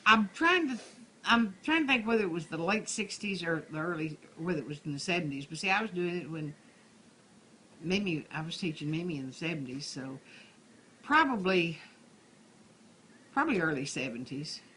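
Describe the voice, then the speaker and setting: A woman's voice: on the low side, animated, normal speed, pauses often, pushed and bright. Old texas lady, retired teacher telling stories, rambles and restarts, some room noise behind her. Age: elderly. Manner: rambling, repeats and restarts phrases. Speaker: retired schoolteacher being interviewed. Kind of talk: reminiscing, conversational storytelling. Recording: noisy room ambience.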